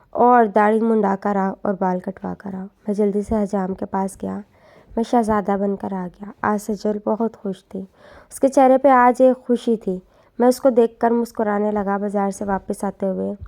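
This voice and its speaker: A woman narrates an emotional story in a soft, subdued, earnest voice. Her tone is mellow and warm, with a gravelly texture. Her delivery stays gentle and low-key.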